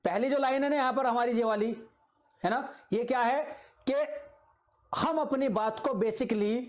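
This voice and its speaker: A man's voice: very high voice, measured pace. A man teaching an exam-prep video lecture. He explains patiently with simple examples, repeats his points and keeps checking in with his students.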